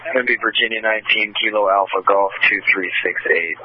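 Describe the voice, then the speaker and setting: A police officer giving clipped, matter-of-fact reports over a police radio. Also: male voice, lowish voice, fairly even intonation, fairly quick. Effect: police radio transmission. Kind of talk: radio traffic with dispatch. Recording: muffled radio channel.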